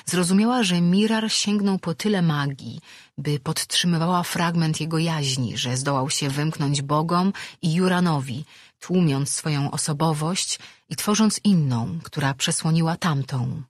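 An audiobook narrator reading a fantasy novel with a steady, even delivery. The voice is husky and mid-pitched. It sounds close and dry. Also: unhurried, no room sound. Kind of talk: scripted narration.

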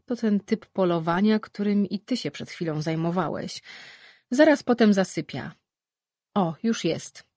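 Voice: medium pitch, animated, a little slow, a little mellow, no echo. A reader voicing Tamun, a spiteful-sounding old woman's mind voice, dry and teasing, in a fantasy audiobook.

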